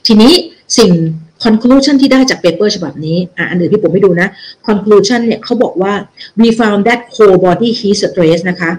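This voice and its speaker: A woman's voice: medium pitch, animated, moderate pace, a little mellow, poor audio. A woman giving a lecture on a research paper, explaining it step by step in a loose, self-correcting way. She mixes English medical terms into her talk and keeps checking that listeners are following. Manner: explanatory, with frequent check-in questions. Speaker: health educator.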